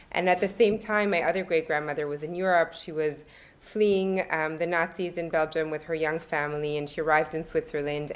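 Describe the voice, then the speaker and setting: A middle-aged woman from Italy, an author guest on a podcast, reflectively telling stories with frequent pauses and ums. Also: sits low. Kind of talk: podcast interview.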